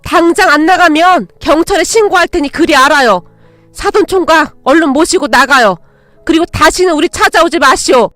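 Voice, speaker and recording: A woman's voice: a little high, normal speed, dry recording, soft background music, lightly acted. A woman voicing a stern but loving older mother-in-law, firm with intruders and tender with her daughter-in-law.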